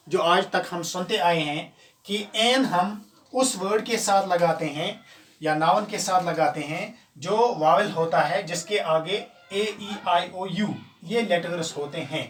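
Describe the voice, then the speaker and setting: Slow-talking man teaching grammar. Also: high voice, a bit bright. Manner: slow, explains step by step and repeats examples. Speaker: English teacher. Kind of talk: classroom grammar lesson. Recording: echoey room, voice from far off.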